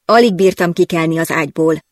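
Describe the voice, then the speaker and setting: An audiobook narrator reading a first-person novel in a lively, wry storytelling manner. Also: mid-range voice, no room sound, studio quality.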